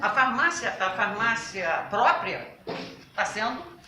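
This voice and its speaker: A woman's voice: medium pitch, animated, takes it slowly, noisy background. Emphatic woman speaking in a roomy hall. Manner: emphatic, with rhetorical questions and tag "tá?"; speaks loudly and forcefully. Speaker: national health council member. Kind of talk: workshop talk to council members. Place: workshop meeting room. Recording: roomy, from a distance.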